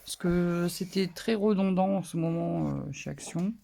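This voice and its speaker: A papercraft channel host chatting casually through a haul of paper pads, relaxed and hesitant. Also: medium pitch, measured pace, gravelly, background noise. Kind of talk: casual haul show-and-tell.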